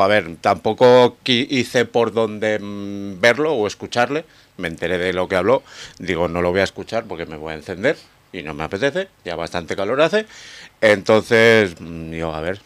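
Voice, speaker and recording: Deep voice guy on football radio, pretty opinionated. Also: normal speed. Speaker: sports radio pundit. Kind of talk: casual radio debate.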